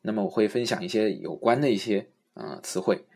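A man hosts a casual English lesson podcast in an easygoing, unhurried way, with plenty of filler sounds. When he reaches an English word, he slows down and says it carefully. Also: lowish voice. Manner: relaxed, many fillers, slows down to say English words. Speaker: podcast host teaching English words.

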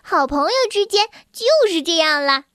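A gentle young rabbit boy who frets and speaks earnestly, his voice pitched very high, as a woman reading a storybook puts him on. The recording is close and dry, with no room sound. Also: moderate pace, no room sound. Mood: teasing. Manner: anxious, earnest.

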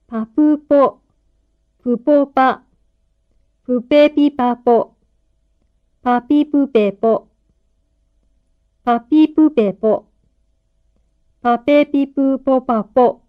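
A woman's voice: high-pitched, a little slow, long pauses, faint music behind. A woman reading a scripted pronunciation drill as a lesson's model speaker, dictating separated words and short phrases. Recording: dull lo-fi lesson tape.

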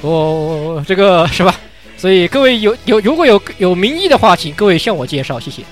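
A man with a notably high, animated voice rambling through a casual group podcast. He stumbles and repeats himself at a quick pace, with faint music behind. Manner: rambling, halting, full of repeated words. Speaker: podcast co-host.

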